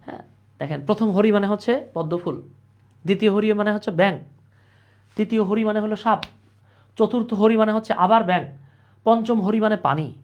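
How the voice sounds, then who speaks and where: A man's voice: high-pitched, a little fast, long pauses, lo-fi sound. A man with a Bangladeshi accent teaching English grammar in an online lesson, talking in a playful, colloquial way and joking with viewers.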